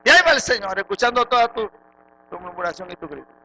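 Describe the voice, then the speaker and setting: A Venezuelan man preaches a church sermon in a high, piercingly bright voice. He drops into quiet asides, then rises to loud rhetorical questions. A faint background hiss sits under the voice. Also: lively intonation, quick pace, rough recording. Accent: Venezuelan Spanish. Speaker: pastor. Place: church sanctuary.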